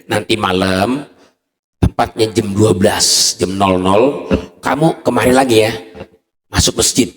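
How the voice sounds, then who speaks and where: A preacher voicing a wise old male sheikh who gives calm, step-by-step instructions, in an echoey mosque hall. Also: on the low side, a little slow, pauses often, natural voice. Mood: instructing.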